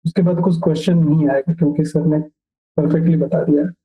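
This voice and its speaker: Male guest, agreeing, flat slightly high voice, heard over a tinny line. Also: a little fast. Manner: affirming, agreeing. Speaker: guest discussant.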